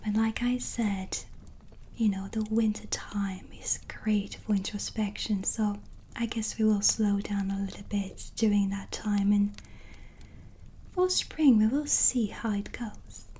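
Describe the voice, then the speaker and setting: A woman plays a gentle witch in a soft-spoken ASMR roleplay, speaking slowly, hesitantly, and soothingly in a soft, breathy near-whisper. Her mid-range voice holds a steady tone, the mood is calm and musing, and the acting is light. Relaxing music and ambience play behind her, with slight background noise.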